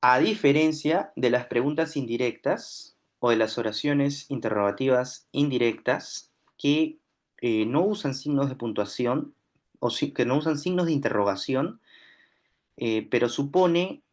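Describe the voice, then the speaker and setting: A man with a Peruvian accent teaching a grammar lesson, patiently repeating examples and often pausing with fillers. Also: medium pitch. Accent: Peruvian Spanish. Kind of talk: grammar lesson explaining on screen.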